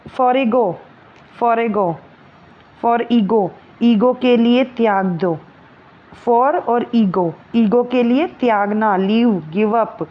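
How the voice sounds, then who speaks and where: Hindi-accented woman teacher repeating words over and over, a bit high, dull lo-fi sound. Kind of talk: vocabulary lesson with memory tricks.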